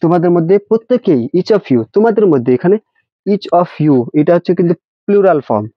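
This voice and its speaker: A man's voice: sits high, lively intonation, brisk, husky, dry recording. Man spelling out English grammar terms. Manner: spells words letter by letter, asks rhetorical questions. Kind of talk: classroom-style grammar lesson. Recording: dry, dull lo-fi recording.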